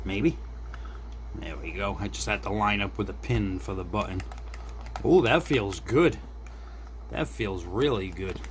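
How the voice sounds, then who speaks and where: Speaking a little slowly and pausing often, a middle-aged man with a fairly low voice casually demonstrates a repair for his hobbyist video, unscripted. He thinks aloud to viewers while working at a desk indoors, and background noise and room ambience can be heard.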